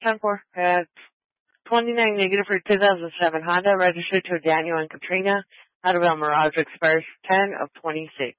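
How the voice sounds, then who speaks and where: A man's voice: high-pitched, fairly even intonation, brisk, no echo. A man working as a police dispatcher, reading plates and codes in clipped radio talk over a police radio channel. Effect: police radio transmission. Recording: dull dry police radio audio.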